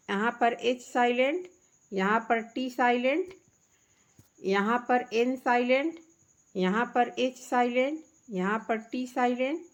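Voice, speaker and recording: A woman teacher, patiently explaining a workbook lesson to children, asking questions and answering them herself. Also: fairly high pitch.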